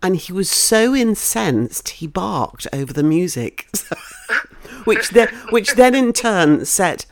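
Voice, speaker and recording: A woman's voice: medium pitch, expressive, takes it slowly. A woman presenting a radio show, chatting effusively with a guest and laughing often. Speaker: radio host. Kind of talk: casual radio chat.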